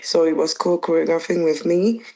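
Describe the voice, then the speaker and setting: Her voice is low and warm, with fairly even intonation and a normal speed. This young Belgian dancer and choreographer chats casually as an interview guest, her talk loose and searching, packed with restarts, fillers and "like."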